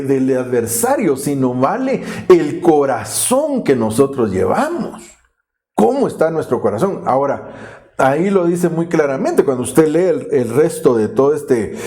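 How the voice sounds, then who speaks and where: A man's voice: fairly high pitch, dark tone. A male pastor, preaching an earnest, explanatory sermon with frequent restarts.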